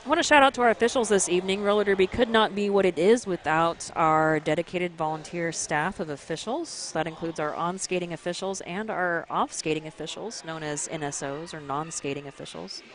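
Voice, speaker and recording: A woman doing live roller derby commentary, chatty and quick to laugh, with sudden bursts of excitement over the action. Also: fairly low pitch, a little hiss or hum.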